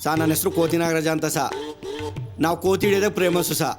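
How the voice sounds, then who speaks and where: A man's voice: fairly high pitch, steady tone, quick pace, close to an everyday voice. A man playing a rambling rustic monkey catcher. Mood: rambling earnest. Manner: rambling, ends every phrase with "saa". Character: naive rustic male monkey catcher, endlessly trusting. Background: loud film music.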